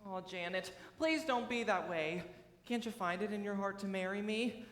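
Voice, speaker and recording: A man's voice: high voice, normal speed, a bit bright. An actor playing an earnest, lovesick young groom who pleads with his bride. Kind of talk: stage musical acting. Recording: echoey theatre hall with music.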